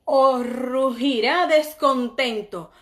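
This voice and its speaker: Her voice sits high as this woman teacher reads a storybook to young children, filling it with exclamations and questions directed at them. When bedtime comes, she softens and turns slow and quiet. A little hiss or hum is audible.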